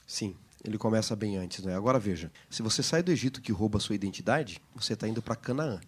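With a lowish, slightly breathy voice and a fast way of talking, this man co-hosts a Bible lesson program as a pastor. He has a Brazilian Portuguese accent and explains scripture like a teacher in a Bible study discussion.

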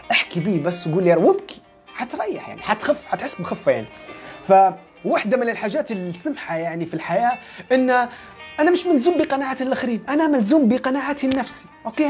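A man, a psychologist giving a motivational livestream talk in an animated, repetitive, conversational way. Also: high voice.

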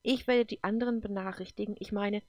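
A woman's voice: medium pitch, steady tone, brisk, darkish tone, no room sound, natural voice. Woman reading a stern male alien advisor. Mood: reproachful. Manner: firm, lecturing.

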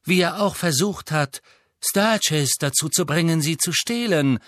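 A man's voice: fairly high pitch, a little slow, a bit bright, no echo, studio quality, voice pushed up. A man doing a defiant teenage boy wizard.

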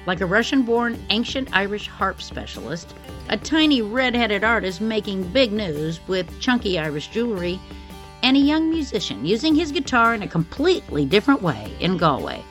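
A woman's voice: mid-range voice, very animated, normal speed. A woman podcast host telling her own story in a scripted but conversational narration. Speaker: podcast host, former television reporter. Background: music bed.

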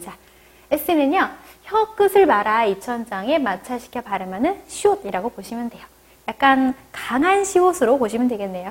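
A woman teaching a video lesson on pronunciation, explaining step by step and modelling each sound slowly. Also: on the high side, breathy edge. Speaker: language teacher.

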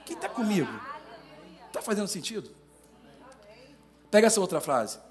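A man's voice: high-pitched, big pitch swings, moderate pace. A man preaching a sermon, firing rhetorical questions at the congregation and rising to emphatic declarations.

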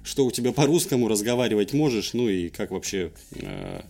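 A man's voice: on the low side, huge pitch swings, fairly quick, gravelly, dark tone. A young man, a TV journalist, answering as an interview guest in casual conversational storytelling. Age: young adult.

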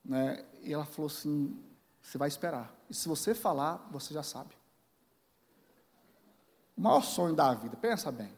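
A Brazilian pastor in his forties preaches in a large church hall, his slightly high voice carrying a long reverb tail. He tells a personal story, acting out the dialogue with big emotional swings. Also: expressive, moderate pace, long pauses, a little mellow. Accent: Brazilian Portuguese. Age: 40s. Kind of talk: sermon.

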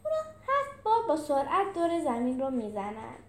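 A woman's voice: high voice, huge pitch swings, roomy sound, exaggerated voice. A woman voicing a grumpy, know-it-all young male animal who lectures in a children's story. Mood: lecturing. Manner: lecturing, irritable.

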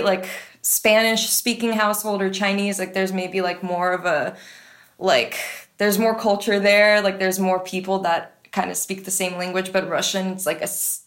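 A young adult woman from the United States, a guest in a conversation, talking loosely and full of "like" and "um". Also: mid-range voice. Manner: relaxed, filler-heavy, lots of "like". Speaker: guest, music supervisor. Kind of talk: casual conversation.

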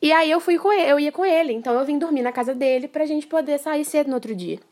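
A woman hosting a podcast, telling a story in a lively, emphatic way and laughing often. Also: high voice, fast talker. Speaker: podcast host. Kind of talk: casual storytelling chat.

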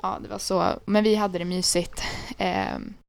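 A woman's voice: mid-range voice, gravelly. A young woman co-hosting a casual chat, telling stories animatedly and acting out quoted voices. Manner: animated storyteller, acts out loud quoted voices. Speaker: podcast co-host.

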